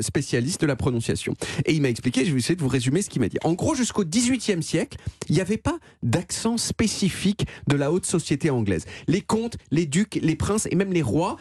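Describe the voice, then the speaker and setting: A man delivers a playful radio chronicle, explaining things in a chatty way and restarting his words now and then. His voice has a husky edge. It sounds dry and close on a studio microphone. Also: fairly high pitch, darkish tone, dry recording. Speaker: radio columnist.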